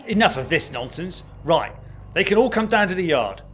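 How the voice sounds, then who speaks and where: Male actor as officious Victorian police sergeant, London accent, brusque, high lively voice, music beneath. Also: moderate pace. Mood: curt, impatient. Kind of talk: audio drama acting.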